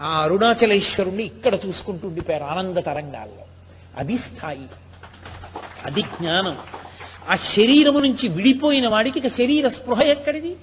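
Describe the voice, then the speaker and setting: A man's voice: high voice, lively intonation, moderate pace, long reverb tail, slight background noise. A middle-aged man giving a religious discourse, telling stories with emphasis and many rhetorical questions. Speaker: spiritual discourse speaker.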